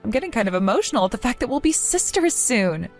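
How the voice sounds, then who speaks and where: Woman doing a sincere hurt young woman, pleading, lively higher voice. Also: fast, soft background music. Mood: earnest.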